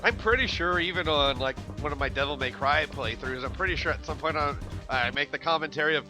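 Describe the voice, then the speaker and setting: A man's voice: fairly high pitch, fairly quick, music in the background, rough recording. A man giving casual commentary over his game playthrough, laid-back, laughing often and swearing now and then. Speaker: let's play commentator.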